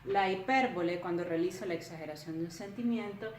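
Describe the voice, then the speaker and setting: A woman teacher giving a recorded tutorial lesson, explaining carefully and counting out syllables slowly. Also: fairly low pitch, slight background noise. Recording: roomy, distant from the mic.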